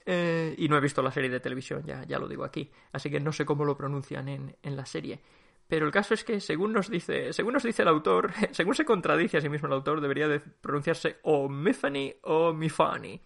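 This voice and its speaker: A man with a Spain Spanish accent giving a spoken book review in an animated, fussy way, often restarting his sentences. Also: on the high side, fast, vocal fry.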